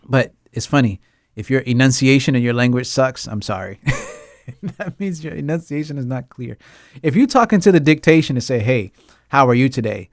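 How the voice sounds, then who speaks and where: A man's voice: mid-range voice, a little fast, dry recording, studio quality. A man hosting a casual talk about a TV drama, ranting emphatically with lots of repetition and frequent laughs. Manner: laughs often. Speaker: host; English teacher.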